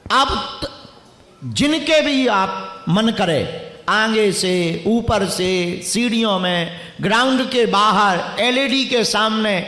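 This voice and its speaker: A high-pitched man preaches to a packed crowd in a lilt. He teases and commands people in the audience playful banter, and his voice rings out through echoey stadium sound. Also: sharp tone. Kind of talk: live religious gathering, addressing crowd and individuals.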